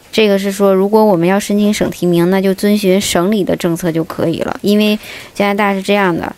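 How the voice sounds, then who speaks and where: A woman vlogger answering viewer questions in a steady, informative voice-over, linking her points with many small fillers. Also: mid-range voice. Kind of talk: casual explanatory voice-over.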